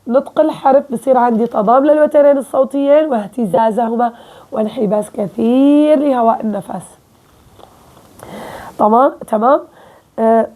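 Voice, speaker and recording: A woman's voice: high voice, mellow. A woman with a Levantine Arabic accent teaching Quran recitation in a casual spoken lesson, explaining step by step and often checking in with her listeners.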